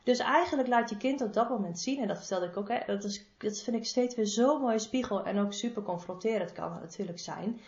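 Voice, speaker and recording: A woman's voice: on the high side, fairly quick, few pauses, darkish tone. Female therapist, informal and affectionate, repeats her advice. Roomy, slightly muffled recording. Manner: affectionate toward listener. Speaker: body-energy therapist. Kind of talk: casual advice monologue. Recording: roomy, slightly dull sound.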